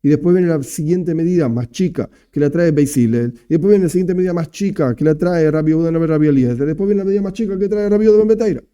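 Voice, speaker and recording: Argentine rabbi teaching Talmud, bright voice. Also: male voice, on the high side, clean tone. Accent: Argentine Spanish. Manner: explains step by step, reads Aramaic phrases slowly. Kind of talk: Talmud lesson.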